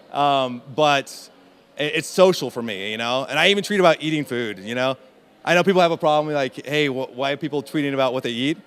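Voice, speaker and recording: A man's voice: medium pitch, brisk, fairly bright tone, clear, resonant tone. Chatty man with many restarts. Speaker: interview guest, in-house SEO specialist. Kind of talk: casual conference interview.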